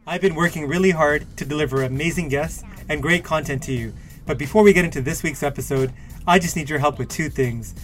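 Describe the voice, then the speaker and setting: A man's voice: fairly high pitch, a little fast, fairly bright tone, soft background music. A man hosting a podcast interview, talking in a friendly, loose way with filler words. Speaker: podcast host.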